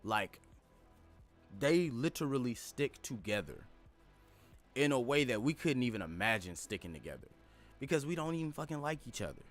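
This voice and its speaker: Male vlogger, mid-pitched, animated and foul-mouthed rant over a backing track. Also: normal speed, long pauses. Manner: profane, animated, addresses listeners as bro. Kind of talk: casual rant to camera. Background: background music.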